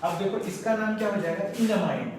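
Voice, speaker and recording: A male chemistry teacher, lecturing at the board in a chatty, coaxing way and repeating terms slowly for students. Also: sits high, lively intonation, a little mellow. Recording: very echoey room, mic far off, faint noise.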